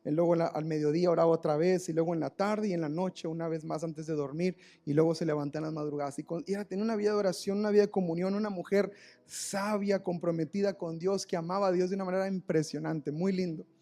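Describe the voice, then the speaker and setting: A man's voice: a little high, steady tone, fast, dark tone. A man preaching a live church sermon, telling a story with emotion and often repeating words. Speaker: pastor. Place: church service, recorded live.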